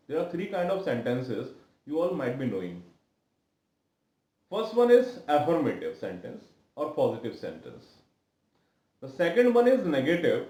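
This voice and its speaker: A man with an Indian English accent teaching English grammar in a slow, deliberate lecture style, repeating key words and slipping into Hindi asides. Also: fairly high pitch, darkish tone, echoey room, rough recording. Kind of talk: video lesson lecture.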